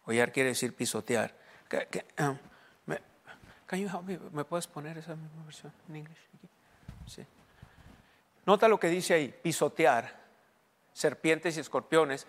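A man's voice: a little high, fairly bright tone. A man preaching a bilingual sermon in Spanish and English, often asking his congregation questions and reading scripture aloud. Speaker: pastor. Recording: long hall reverb.

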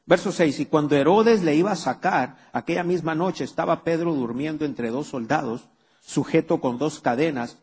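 A male pastor with a fairly high, somewhat mellow voice preaches at a moderate pace, posing rhetorical questions to his congregation. The church hall setting adds long reverb, and there's slight background noise.

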